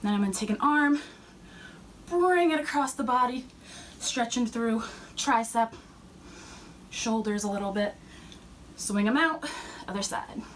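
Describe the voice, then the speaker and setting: A young woman fitness instructor cueing warm-up moves while she exercises, a little out of breath. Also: on the high side, a little slow, long pauses. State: slightly out of breath. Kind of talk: workout instruction. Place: fitness center. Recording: distant mic with faint room noise.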